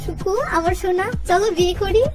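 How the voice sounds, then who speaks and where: A woman voicing a teasing runaway young woman in a film recap, sly and quick. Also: very high-pitched, steady tone, music in the background.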